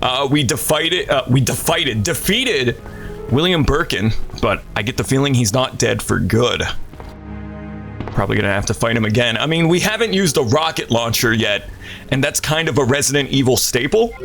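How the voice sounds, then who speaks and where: A man's voice: mid-range voice, lively intonation, normal speed, vocal fry, a bit bright. A man streaming a horror game, chatting casually and rambling with a slightly stuffy voice. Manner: rambling, self-deprecating chatter. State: stuffy from a cold. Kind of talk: casual gameplay commentary. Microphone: desk mic through an audio interface. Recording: static from a failing audio interface. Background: game music.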